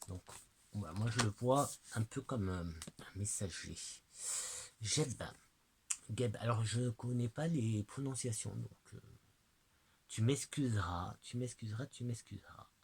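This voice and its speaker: Male host, lowish voice, unhurried and hesitant, talks straight to the viewer while showing cards. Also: gravelly, darkish tone, breathy edge, poor audio. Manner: hesitant, halting, addresses the viewer directly. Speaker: oracle card presenter. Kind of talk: casual oracle card unboxing chat.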